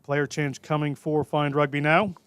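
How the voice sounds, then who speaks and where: A man calling live rugby play-by-play in a brisk, jokey way. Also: a little high, little pitch movement, a bit bright, clean tone, dry recording. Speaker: play-by-play commentator.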